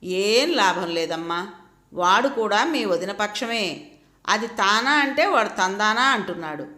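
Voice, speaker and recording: A woman's voice: mid-range voice, animated, unhurried, sharp tone. A woman voicing a sick elderly mother who speaks in a sorrowful, pleading way, in an echoey room. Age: older. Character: ailing elderly mother, weary and plaintive.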